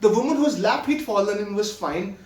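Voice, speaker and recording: Playing a nervous first-night theater usher who stammers out a confession, this man uses a high, darkish voice with lively intonation at a moderate pace. The recording sounds roomy and distant.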